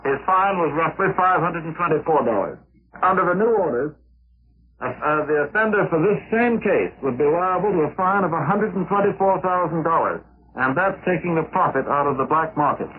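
A man's voice: on the high side, a little fast, breathy edge. A man reading a scripted wartime news report as a formal old-time radio announcer. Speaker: radio news correspondent in London. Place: radio broadcast relayed from London. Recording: tinny, phone-like 1940s shortwave radio relay.

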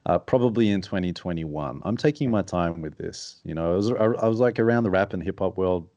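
Speaking fairly quickly, a deep-voiced podcast guest, an author and strategist, mumbles softly and reflectively in a casual interview. He is close to the mic, and the lo-fi sound is dry and intimate, with no room sound.

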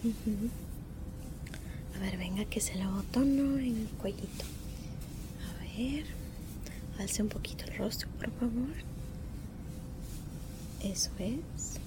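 A woman doing a whispered role-play as a courteous, caring flight attendant, speaking softly and politely into a close microphone. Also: slow, long pauses. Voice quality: soft, mostly unvoiced whisper. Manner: gentle, attentive, polite service talk with diminutives. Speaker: ASMR performer playing a flight attendant. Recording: rumbling background noise.

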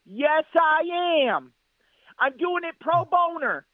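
A man's voice: very high voice, lively intonation, takes it slowly, dry recording. A male caller from Worcester, talking eagerly and a bit muddled over a phone line. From Worcester, USA.

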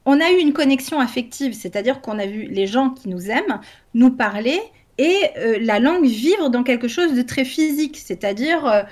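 A woman talks with eager enthusiasm, her voice sitting a little high. She explains in long, flowing runs sprinkled with fillers, like a co-host in a relaxed group chat. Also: normal speed. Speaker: co-host presenting a language-learning project. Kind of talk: casual group discussion.

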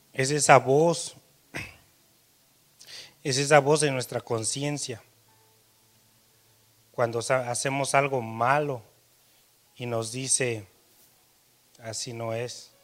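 A man preaching a sermon, telling a personal story, his voice rising louder and dropping soft. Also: mid-range voice.

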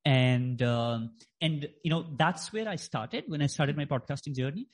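A man's voice: on the high side, normal speed. A man in his thirties from Nepal, a podcast guest talking reflectively with many fillers and restarts. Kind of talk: reflective interview talk.

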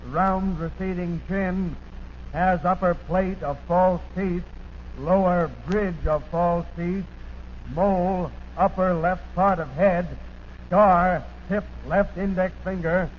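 An American man plays a 1940s radio announcer reading a police bulletin, delivering deliberate staccato phrases and repeating the details. His voice sits high, and the old broadcast recording has its highs cut off along with slight background noise.

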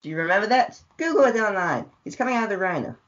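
A man guests on a podcast over a video call, racing along in a high-pitched voice during a casual review chat. He's energetic and repetitive, breaking into loud yelps. The call audio is dull and lo-fi.

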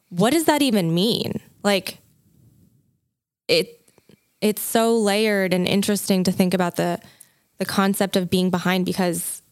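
A woman's voice: mid-range voice, no echo, studio quality. A woman co-hosting a podcast, talking thoughtfully and asking curious questions. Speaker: podcast co-host. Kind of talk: casual chat.

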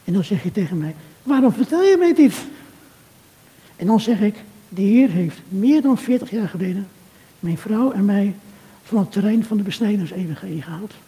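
An older man giving an earnest, measured sermon talk, speaking directly to a churchgoer. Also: sits high, lively intonation, warm tone. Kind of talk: reflective sermon talk addressed to a listener. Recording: long reverb of a hall.

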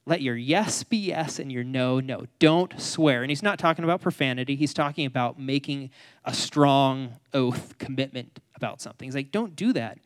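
A man preaching a sermon on a Bible passage, talking casually and often putting questions to his congregation. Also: mid-range voice. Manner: conversational, asks the room questions. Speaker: pastor.

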